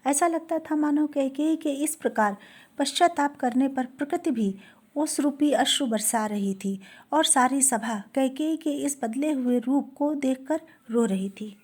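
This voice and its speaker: Woman, high-pitched, poetry teacher, slow measured recitation, plain explanations. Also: a little mellow. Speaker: literature teacher.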